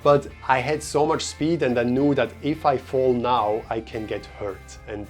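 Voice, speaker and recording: A man's voice: mid-range voice, measured pace. Chatty Swiss-raised young man vlogging. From Switzerland. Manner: relaxed, chatty, with many fillers. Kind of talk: casual storytelling vlog. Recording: faint music behind.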